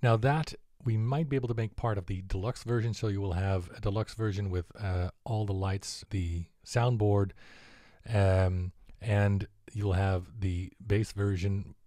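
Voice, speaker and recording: Man, low, mellow tone; relaxed, filler-heavy product update to his buyers. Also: a little slow, dry recording. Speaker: collectibles maker presenting a prototype.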